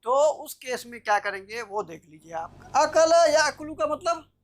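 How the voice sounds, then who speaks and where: A woman's voice: sits high, expressive, normal speed. A woman teaching Arabic grammar in a live online class over a video call, explaining step by step and often checking that students follow. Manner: explanatory, checks understanding with "theek hai na".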